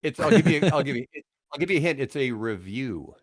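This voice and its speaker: An older man with a mid-range, expressive voice talks fast as a podcast guest. He tells stories in a casual, joking, rambling way.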